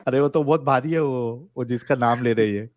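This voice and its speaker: Reading out viewer comments on his livestream debate show, this host keeps things jokey and laughs frequently. His voice sits at medium pitch and moderate pace, and the recording is dry and dull.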